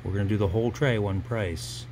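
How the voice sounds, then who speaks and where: A man's voice: fairly low pitch, darkish tone, slight background noise. A man previewing auction lots in a gallery warehouse, listing items one by one in short bursts while filming on a phone. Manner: brisk item-by-item listing. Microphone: handheld phone camera.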